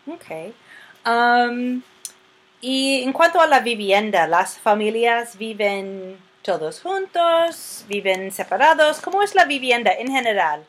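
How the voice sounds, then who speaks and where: A woman hosting a language-learning podcast, asking interview questions in a slow, clear, measured way with frequent hesitations. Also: on the high side, sing-song. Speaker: podcast host.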